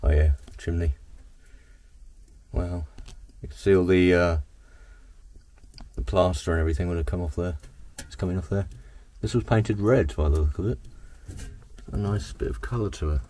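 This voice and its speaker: A man with a low, mellow voice wanders through an old ruin, thinking aloud as he goes. His curious, casual narration drifts from one find to the next. He is recorded outdoors on a handheld camera. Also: moderate pace, long pauses. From Australia. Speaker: exploration vlogger. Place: outdoors at a ruined house.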